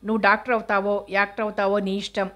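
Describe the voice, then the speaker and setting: A proud, touchy mother who dreams of films for her daughter, as a woman reads her part. She snaps back sharply when crossed, in a flat, even voice that barely rises or falls. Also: medium pitch, quick pace, lightly acted. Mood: indignant. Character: older mother, film-crazy, touchy and proud.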